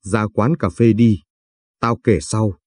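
Guarded young mother voiced by a man, short subdued lines, warm husky tone, audiobook. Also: fairly low pitch, fairly even intonation, slow pace, no echo, studio quality. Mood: evasive.

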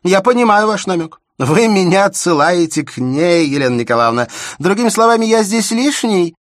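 A man reading aloud voices an excitable, hot-tempered young sculptor who mocks and shouts. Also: on the high side, normal speed, no room sound, studio quality, pitched above the performer's own voice. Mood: heated. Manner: loud, heated, exclaiming.

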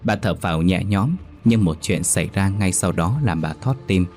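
A man narrating a ghost story in a slow, measured storytelling voice. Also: sits low, a little mellow, soft background music. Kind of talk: scripted horror story narration.

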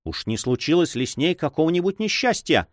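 A man's voice: medium pitch, big pitch swings, moderate pace, no room sound, studio quality, pitched above the performer's own voice, natural voice. A man voicing an eager young nobleman in love who pleads impatiently.

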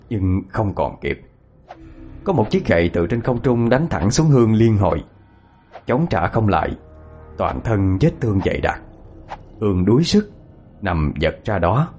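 A man narrating a ghost story in an expressive storytelling manner. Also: on the low side.

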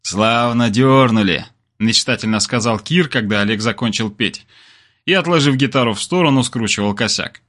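A man narrating a story in the first person in an expressive storytelling manner. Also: mid-range voice, fairly quick.

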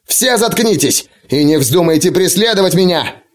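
A man's voice: sing-song, normal speed, a little mellow. A man voicing a spoiled, panicky young prince who shrieks his orders in an audiobook. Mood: shrill panic. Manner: shrill, screeching. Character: hysterical young male prince, spoiled and cowardly.

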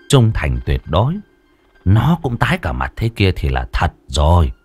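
Lively male story narrator. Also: fairly low pitch, breathy edge. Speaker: audiobook reader.

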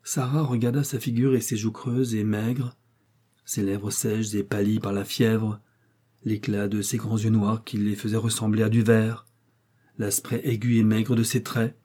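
A man narrating an audiobook in a measured, dramatic storytelling manner. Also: on the low side, little pitch movement, warm tone, husky. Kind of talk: scripted narration.

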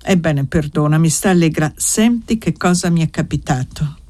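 A man's voice: on the high side, moderate pace, a little mellow, dry recording, close to an everyday voice. A reader voicing Paolo, a young indebted nobleman who coaxes his lover and lies to her. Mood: coaxing. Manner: urgent, coaxing, lying.

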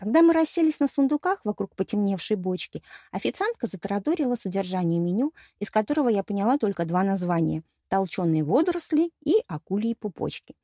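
A woman reads a fantasy novel aloud in the first person, with a wry, storytelling delivery. Her voice is warm and mellow, and it sits at a middle pitch. The sound is dry and close to the mic. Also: sing-song, brisk, hardly any pauses, no echo. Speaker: audiobook narrator. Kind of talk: scripted first-person narration.

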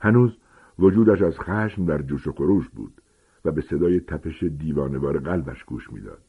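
A man narrating a storybook in a dramatic, expressive reading. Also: extremely low pitch, slightly rough. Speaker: audiobook narrator. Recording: tinny phone-like sound.

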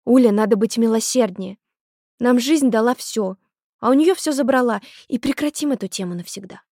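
A woman's voice: on the high side, moderate pace, no echo, studio quality. A woman reading as a firm, kind village mother. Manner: firm, calm, reproving. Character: stern but kind village mother of many. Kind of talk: audiobook character voice.

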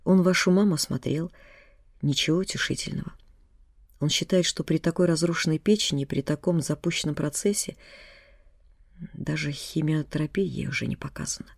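Reader playing an old doctor, kind but firm, slightly gravelly. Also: medium pitch, brisk, dry recording, clean studio sound. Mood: matter-of-fact. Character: elderly balding male doctor, sympathetic. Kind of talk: audiobook reading.

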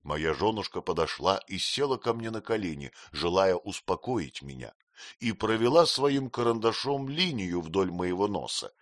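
Low guy reading a novel aloud, lively intonation, super dry close sound. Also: moderate pace, dry recording. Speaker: audiobook narrator. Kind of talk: first-person literary narration.

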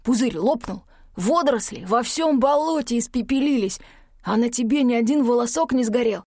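A woman voicing a chatty male merman, talking high and excitedly, in an audiobook. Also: normal speed, no echo, studio quality.

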